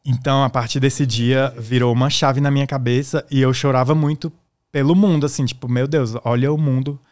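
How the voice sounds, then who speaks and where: A man's voice: medium pitch, fairly even intonation, brisk, darkish tone. Man, podcast guest, casual storytelling, plays out every voice. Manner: acts out the voices in his stories. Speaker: guest musician.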